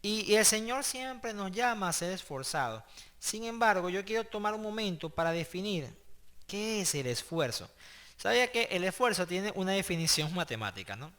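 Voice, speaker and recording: Bright-voiced man teaching an online class. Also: sits high, big pitch swings, moderate pace. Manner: conversational, checks in with "¿ok?" and "¿sí?"; explains step by step, with hesitant restarts. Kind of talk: online class lecture with prayer.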